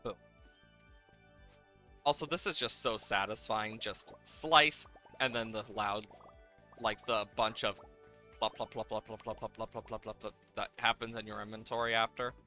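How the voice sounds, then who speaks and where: Over game music, a man gives casual, playful live commentary, thinking aloud as he plays and humming and making sound effects as he talks. His voice is lowish, steady, pushed and bright, and he keeps a measured pace with frequent pauses.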